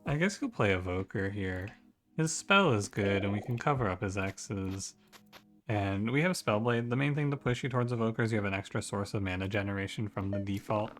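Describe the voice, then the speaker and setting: A man's voice: fairly low pitch, fairly quick, a bit bright, soft background music. A man giving casual strategy game commentary, thinking aloud in a musing, conversational way and often correcting himself. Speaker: gaming streamer.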